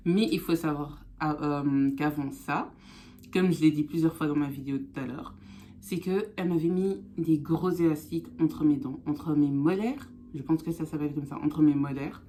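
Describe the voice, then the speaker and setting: A woman's voice: low voice, normal speed, warm tone, a little hiss or hum. A woman vlogger chatting casually to camera, her speech affected by newly fitted braces.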